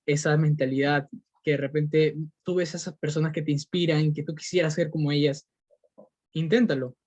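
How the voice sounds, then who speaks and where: In a dull lo-fi recording with no echo, a young man from Peru hosts a motivational podcast in a Peruvian Spanish accent. He talks earnestly, full of fillers and restarts, at a moderate pace. His voice is a little high, steady and a little mellow.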